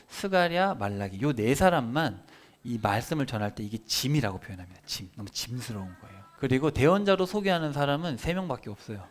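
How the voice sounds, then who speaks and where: Man, pastor, family sermon, animated, acts out quotes, mid-range pitch. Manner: animated, acts out quoted prayers and God's replies. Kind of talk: children's Bible sermon. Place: church service.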